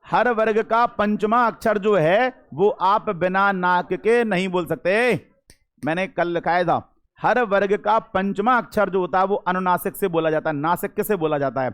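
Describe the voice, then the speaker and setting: A man's voice: sits high, moderate pace, fairly bright tone, clean tone. A man teaching a grammar lesson to a class. He sounds out vowels himself, repeats the key terms and keeps asking questions to check they follow. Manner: calls students "beta", demonstrates sounds aloud.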